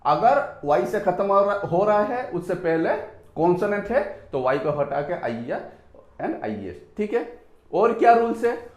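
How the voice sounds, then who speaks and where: A man with an Indian accent teaching an English grammar lesson at a whiteboard, saying words slowly and repeating them, switching between Hindi and English. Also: high voice, big pitch swings, darkish tone, dull audio. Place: room with a whiteboard. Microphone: phone on a tripod. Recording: echoey room.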